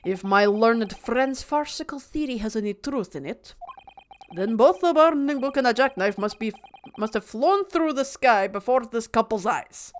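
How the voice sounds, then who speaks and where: A woman's voice: on the high side, expressive, moderate pace, slight background noise, close to an everyday voice. A woman voicing a haughty male prosecutor from a video game, formal, wordy and condescending. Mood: scornful. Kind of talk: video game read-aloud voice acting.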